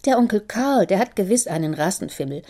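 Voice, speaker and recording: A woman's voice: medium pitch, expressive, brisk. A woman voicing a spirited, defiant young daughter who has caught a cold, answering back sharply. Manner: sharp, challenging retorts.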